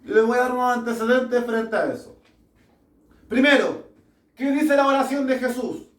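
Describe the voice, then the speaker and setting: A man preaching a sermon to a small congregation, slow and deliberate, putting rhetorical questions to his listeners. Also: very high voice, fairly bright tone. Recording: echoey room, mic far off.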